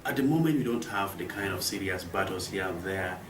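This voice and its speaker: A Ugandan man from northern Uganda, a student leader, giving measured interview answers with many pauses. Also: sits low, expressive. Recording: roomy, distant mic, noisy outdoor ambience.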